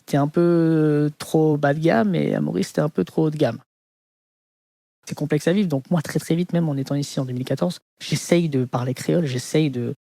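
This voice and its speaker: A man from France with a Parisian French accent, in his thirties, telling his life story in an interview and pausing often on fillers. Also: on the high side, warm tone, dry recording. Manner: hesitant, many fillers like "on va dire". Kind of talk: reflective personal testimony.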